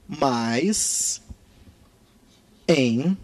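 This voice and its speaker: A man teaching a grammar lesson in Brazilian Portuguese, with emphatic, drawn-out key words. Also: medium pitch, lively intonation, a little mellow.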